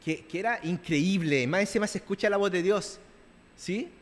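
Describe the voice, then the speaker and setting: Lively Chilean preacher in a reverberant church. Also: male voice, high-pitched, normal speed. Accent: Chilean Spanish. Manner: conversational preaching, constant check-ins with the congregation; acts out biblical dialogue in playful voices. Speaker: pastor. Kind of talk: sermon. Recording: long reverb of a church hall.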